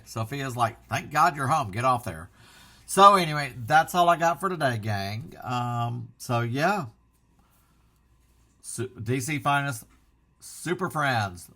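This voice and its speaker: Excitable, rambling man with a bright voice. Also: medium pitch, a little slow. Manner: excitable, rambling, self-interrupting. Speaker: physical media channel host. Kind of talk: casual vlog chat.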